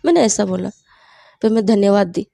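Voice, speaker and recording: Earnest woman with a creaky voice. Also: medium pitch, lively intonation, a little fast, warm tone, dry recording. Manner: earnest storytelling, often quoting her own prayers. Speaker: testimony speaker.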